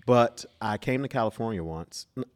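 A man, a minister, as a guest telling lively stories and acting out the voices of people in them. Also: medium pitch, normal speed. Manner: animated storyteller, acts out quotes, bursts of laughter. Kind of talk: casual interview storytelling.

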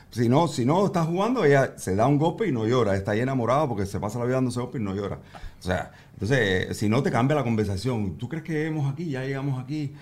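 A man, chatting as a guest and telling lively stories about his young daughter. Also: medium pitch. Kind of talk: casual chat.

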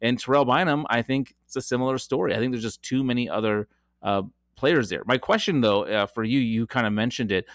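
A man with a mid-range voice co-hosts a podcast, chatting casually and briskly about football with frequent ums and restarts. The studio-quality recording has no room sound.

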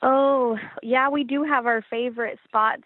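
A gospel singer and songwriter, guesting in an interview, replies conversationally in a high, steady voice, speaking a little slowly. The sound is thin and tinny, with no echo.

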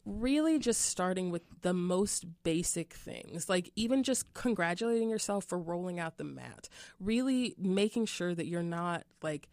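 Woman, yoga teacher and author, open and emotional, slightly low voice, close dry mic. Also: lively intonation, moderate pace, darkish tone, no room sound. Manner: candid, emotional, laughs while talking. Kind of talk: conversational interview.

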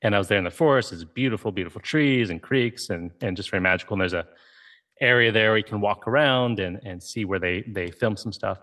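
This is a man in his forties, originally from Ohio, speaking with a fairly low voice. He is a game creator talking as a guest in an interview. He tells his story in a loose, easygoing way, checking in often with "right?" and "you know". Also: fast, pushed and bright. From Ohio, USA. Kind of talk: conversational interview.

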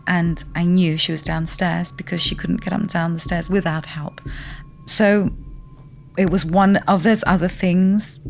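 A woman's voice: on the low side, creaky. A woman telling her own experience in an interview, earnest and emphatic, repeating words for stress. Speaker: interviewee recounting a haunting. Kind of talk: personal testimony interview.

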